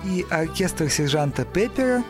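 A dry, sardonic young musician, as a male narrator reads him, calm and measured with a slightly high voice. Soft music sits under the storybook reading. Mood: wry. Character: wry, level-headed young male musician.

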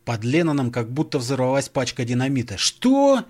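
A man narrating a story in a measured, storytelling manner. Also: mid-range voice, lively intonation, slightly rough. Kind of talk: audiobook narration.

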